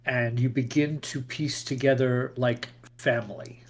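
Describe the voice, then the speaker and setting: A man hosting as game master, narrating a fantasy tabletop game in descriptive, deliberate storytelling phrases. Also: medium pitch, steady tone, slight background noise. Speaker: game master and show host.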